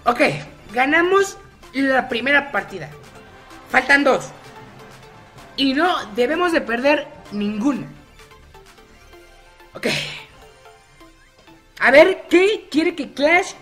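A man's voice: very high voice, lively intonation, takes it slowly, pauses often, fairly bright tone, faint music behind. A man commenting on his own gameplay, chatty and teasing his opponents by name. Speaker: gaming YouTuber.

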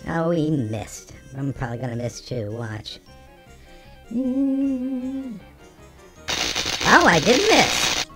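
A game streamer talking through a voice changer that shifts the pitch, chatting casually with viewers while playing. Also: lively intonation, slow pace, long pauses, bright, forceful tone, faint music behind, low-quality recording. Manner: chatty, talks to chat between game actions. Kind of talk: casual let's-play chat with viewers.

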